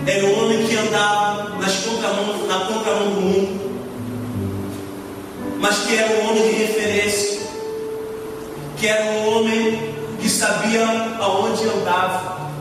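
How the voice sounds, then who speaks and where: A man's voice: high-pitched, little pitch movement, measured pace, long pauses. A man from Rio de Janeiro with a Carioca accent, a deacon preaching a sermon with emphasis and repeating his key phrases. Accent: Carioca Brazilian Portuguese. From Rio de Janeiro, Brazil. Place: church hall. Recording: echoey hall, mic far off. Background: music playing.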